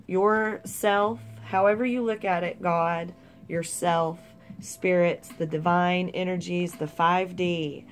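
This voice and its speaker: A woman's voice: fairly low pitch, steady tone, slow, soft background music. A young woman giving a casual, rambling tarot reading with some swearing. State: hiccups. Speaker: tarot reader.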